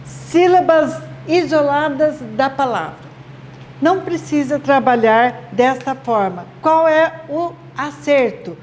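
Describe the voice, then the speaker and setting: A woman, a literacy teacher explaining to parents slowly and patiently, often checking they follow. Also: high voice, darkish tone, slight background noise. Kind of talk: instructional video talk to parents.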